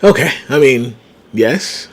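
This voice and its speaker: A man's voice: mid-range voice, expressive, slow pace. A man co-hosting a podcast in casual chat, teasing his partner and sticking up for his own opinions. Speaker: podcast co-host.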